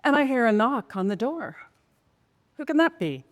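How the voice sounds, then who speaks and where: A woman telling a dramatic personal story in a slow, intense way, sometimes sinking to a whisper. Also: a little high, sing-song, long reverb tail. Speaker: speaker.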